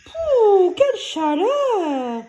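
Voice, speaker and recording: Brief: woman playing a small, excitable girl in a storybook, very high and shrill, swooping. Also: very slow, soft background music, heavily acted. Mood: hot, tempted.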